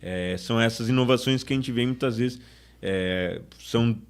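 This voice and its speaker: A man's voice: medium pitch, normal speed. A man, a sales manager talking casually in a podcast interview, often restarting his sentences. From Brazil. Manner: chatty, restarts sentences often, acts out customer quotes.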